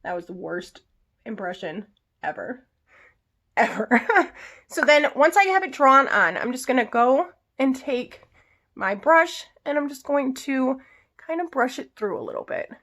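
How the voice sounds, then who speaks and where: A woman's voice: sits high, sing-song, unhurried, fairly bright tone. A woman vlogger chatting casually through a get-ready-with-me makeup tutorial, explaining each step and adding little asides. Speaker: beauty vlogger.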